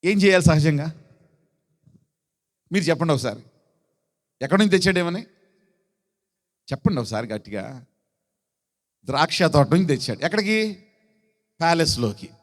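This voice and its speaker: A man preaching as a bishop at a church service, reading scripture in a slow raised chant and questioning his congregation, with a Telugu accent from Andhra Pradesh. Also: a little high, animated. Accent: Telugu-speaking, Andhra Pradesh. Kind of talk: sermon. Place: church hall. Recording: long hall reverb.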